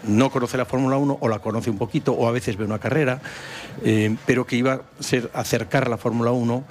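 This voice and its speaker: A man's voice: mid-range voice, fairly even intonation, brisk. A man from San Sebastián, a company founder, answering interview questions hesitantly with many restarts. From San Sebastián, Spain.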